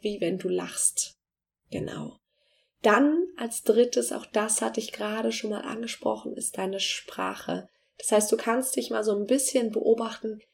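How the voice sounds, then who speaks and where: A woman giving self-help coaching tips step by step, speaking straight to the listener and often pausing on fillers. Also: medium pitch, gravelly, a little mellow. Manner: explains in steps, addresses the listener directly; filler-heavy, frequent restarts.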